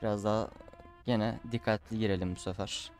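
A little mellow and a bit quick, the man's fairly low voice keeps a mostly even intonation. In this relaxed gameplay commentary he chats with the audience, calling them "abi," and often gets frustrated.

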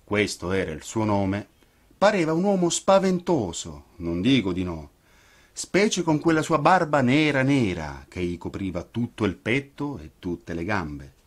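A man, an actor, reading a children's story aloud in an expressive, theatrical way. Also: on the low side, a little slow, slightly rough. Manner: theatrical, animated.

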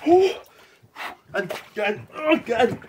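A man's voice: very high-pitched, big pitch swings, slow. A young man with a Scottish accent, breathless and shivering with cold, gasping out his words in a strained, raised voice. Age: young adult. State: shivering in icy water, out of breath. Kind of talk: reacting to an ice bath. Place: small back garden, outdoors. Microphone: camera set a few metres away. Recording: noisy outdoor garden recording.

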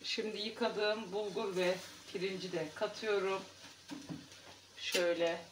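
A woman's voice: medium pitch, steady tone, measured pace, echoey room, recorded from a distance, noisy background. A woman chatting casually to her viewers as she cooks at home, talking in a homely vlog style. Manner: chatty, talks to viewers while cooking. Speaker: home cooking vlogger. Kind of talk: casual cooking vlog chat. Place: home kitchen.

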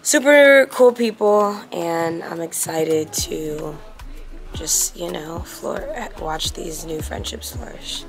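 A young woman with a hoarse, worn-out voice chatting in a casual vacation vlog, relaxed and agreeable. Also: fairly low pitch, slow. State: hoarse, lost her voice. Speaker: vlogger. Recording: music behind.

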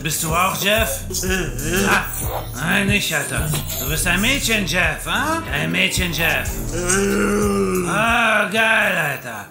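Slangy, hot-tempered masked killer, male actor, comic horror dub. High-pitched, drawn-out delivery. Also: expressive, exaggerated voice. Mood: smitten. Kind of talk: dubbed comic horror skit. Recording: echoey room under background music.

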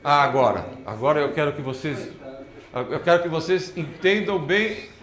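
A man's voice: fairly high pitch, moderate pace. A man giving a lecture to an audience, pointing at slides as he talks. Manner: animated, points at slides with repeated "ó, olha só". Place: lecture hall. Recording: roomy lecture hall.

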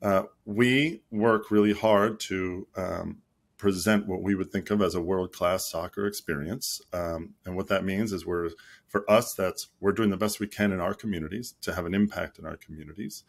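Man, middle-aged, deep voice, headset video call, thoughtful, halting. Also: steady tone, gravelly. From United States. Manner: thoughtful, many ums and restarts. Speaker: league marketing chief, guest. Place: small office at home.

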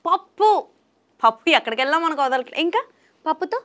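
High-voiced woman coaxing a small child. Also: big pitch swings, brisk, fairly bright tone. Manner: coaxing, teasing, sing-song questions. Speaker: interviewer. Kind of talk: playful chat with a small child.

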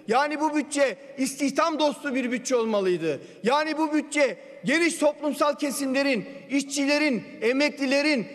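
A man giving a parliamentary budget speech into a podium microphone, assertive and firing pointed rhetorical questions. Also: very high voice. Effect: speaking into a podium microphone. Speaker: member of parliament. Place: parliament general assembly hall. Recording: long reverb of a large chamber.

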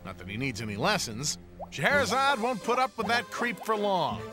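Salem, wisecracking cat. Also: male voice, high voice, sing-song, moderate pace, pushed and bright, faint music behind, exaggerated voice. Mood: sarcastic. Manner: sardonic, dry wisecracks.

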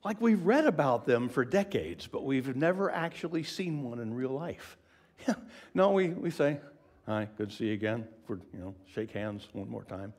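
A man preaching a sermon in an expressive, conversational way, asking the listeners questions and often dropping to a whisper for emphasis. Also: mid-range voice, normal speed. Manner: conversational, asks the congregation questions.

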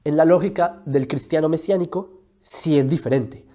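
He is a Colombian host of religion videos, making an emphatic argument in an explainer monologue peppered with rhetorical questions. His voice is a little high and mellow at a normal speed, captured on a lapel mic in a studio.

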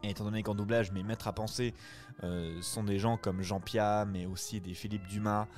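Man, low voice, friendly live-stream chat, faint music behind. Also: steady tone, moderate pace, darkish tone. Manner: friendly, reflective, chatty. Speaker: streamer and voice-acting reader. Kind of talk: casual chat answering live viewers.

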